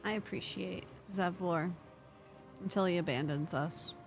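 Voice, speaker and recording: A woman's voice: lowish voice, unhurried, vocal fry. A woman hosting a game stream, chatting playfully and encouraging her guest. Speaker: streamer host. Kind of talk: casual gameplay chat. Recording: faint game music behind.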